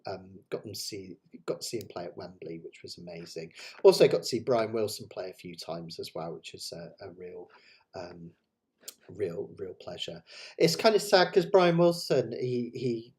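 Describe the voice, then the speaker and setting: A man's voice: fairly low pitch, lively intonation, normal speed, a little mellow. West country english guy chatting on a livestream, kinda rambly and keen, voice goes up and down loads. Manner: rambling, enthusiastic, self-deprecating. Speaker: host of a live ukulele play-along. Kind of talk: casual livestream chat to viewers.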